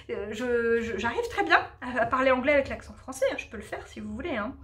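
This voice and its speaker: Animated and fairly quick, this woman speaks with a voice on the high side and a bit of brightness. As a knitting podcaster who also teaches English, she chats casually, often restarting and using fillers.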